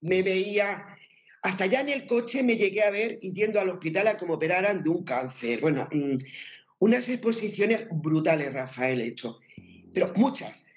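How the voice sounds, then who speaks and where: Animated storyteller woman with Spanish accent. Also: fairly low pitch, moderate pace, muffled recording. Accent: Spain Spanish. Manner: animated storyteller, repeats words. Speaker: interview guest. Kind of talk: personal testimony in conversation.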